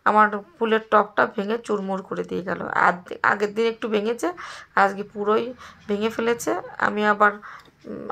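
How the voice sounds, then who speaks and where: A middle-aged woman from Bengal talks on and on to her viewers, her voice hoarse from a cold and gravelly with fry. She rambles and complains in a casual vlog chat, her pitch sitting in a middle range for a woman. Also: bright, forceful tone. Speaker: vlogger. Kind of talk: casual chat to viewers while doing chores.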